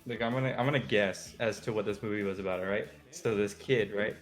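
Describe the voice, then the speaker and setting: A man with a voice on the low side talks fast as a co-host of a casual show, with soft background music. He banters and rambles in informal slang about video game movies.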